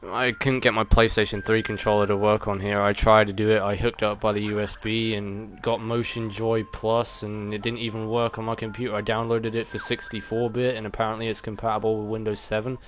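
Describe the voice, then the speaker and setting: A man's voice: fairly low pitch, level tone, fairly quick, hardly any pauses, a bit bright, slight background noise. A man giving casual let's play commentary with joking, rambling asides.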